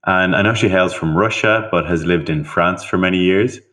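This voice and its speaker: Man, low register, measured and earnest delivery. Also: a bit bright. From Ireland. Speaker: guest. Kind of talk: nominating the next guest.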